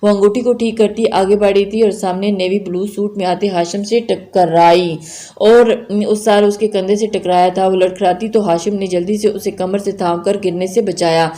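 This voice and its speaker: A woman reads a romantic novel aloud in a calm, even storytelling manner. Her voice sits at a middle pitch, and the reading is steady. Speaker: novel reader.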